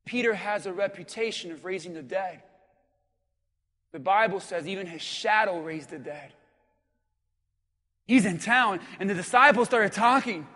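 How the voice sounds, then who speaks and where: High-voiced preaching man, hall reverb. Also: measured pace, pauses often. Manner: animated preaching, acts out congregation voices, shouts for emphasis. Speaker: pastor. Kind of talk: sermon. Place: church sanctuary.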